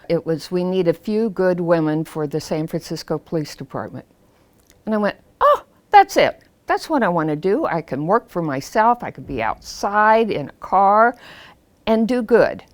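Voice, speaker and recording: An older woman, a retired police officer, telling her story in a documentary interview with animated rises in her voice. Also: lowish voice.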